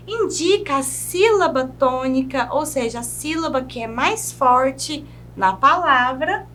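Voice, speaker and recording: A Brazilian woman teacher giving a video grammar lesson, drawing out example words slowly and checking in with her class. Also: high voice, fairly bright tone, slight background noise. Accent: Brazilian Portuguese. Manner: slow, drawn-out pronunciation of example words; checks in with "né?" and "certo?".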